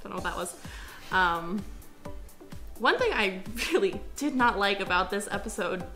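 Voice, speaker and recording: A woman's voice: mid-range voice, expressive, moderate pace, sharp tone, soft background music. A woman from Philadelphia co-hosting a casual podcast review, emphatic and full of hesitant fillers. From Philadelphia, United States. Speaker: podcast co-host.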